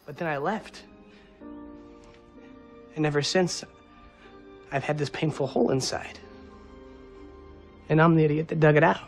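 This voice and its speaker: High-voiced, anxious American man. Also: steady tone, a little slow, pauses often, soft background music. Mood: regretful. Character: anxious, goofy young groom-to-be. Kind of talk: television drama-comedy acting.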